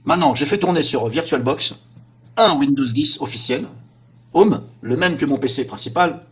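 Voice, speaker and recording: Guy talking through his screen recording, kinda husky, rambly, keeps saying hein. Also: mid-range voice, expressive, moderate pace, fairly bright tone. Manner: chatty, rambling, frequent "hein" and "donc là". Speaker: tech screencast narrator. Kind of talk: casual screen-recording commentary.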